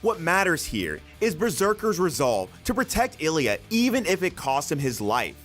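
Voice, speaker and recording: Man narrating a countdown, lively pitch swings. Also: normal speed, faint music behind. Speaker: narrator of an anime countdown video.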